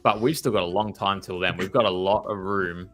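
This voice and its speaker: A man co-hosting a trading show, chatting casually and upbeat about markets with quick asides. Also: deep voice, fairly even intonation, fairly bright tone, faint music behind.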